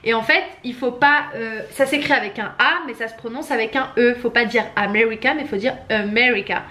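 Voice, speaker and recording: A woman's voice: fairly high pitch, fairly quick, sharp tone. A young adult woman, a student vlogger, chatting casually at home, hesitant and full of fillers. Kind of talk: casual chat to camera.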